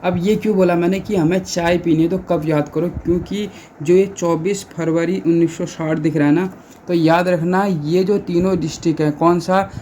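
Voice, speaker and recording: A man's voice: sits high, fairly even intonation, moderate pace, dark tone, slight background noise. A male exam-prep teacher who runs through facts by asking questions and answering them himself, over and over. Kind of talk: exam-prep lesson with repetition and rhetorical questions.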